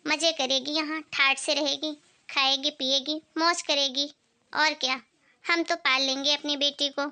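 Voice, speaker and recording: A bossy middle-aged mother-in-law, as a woman acts her out, doting on her own daughter and scolding the bride. The voice sits high and bright, and every line is firm. It plays out as a home moral-story drama. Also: steady tone, unhurried, heavily acted. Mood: gossiping.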